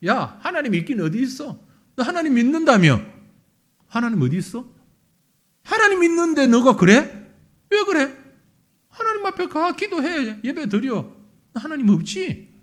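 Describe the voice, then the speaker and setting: A man's voice: extremely high pitch, big pitch swings, moderate pace, long pauses, voice pushed up. A man putting on the voice of a mocking unbeliever who taunts a believer with scornful, jeering questions. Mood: taunting.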